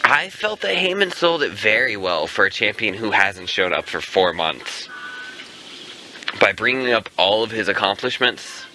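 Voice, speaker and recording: A man's voice: on the low side, slight background noise, poor audio. A man co-hosting a casual podcast, steering the chat and arguing back with blunt, profane remarks. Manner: animated, profane, quick to argue back. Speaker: podcast co-host steering the segments.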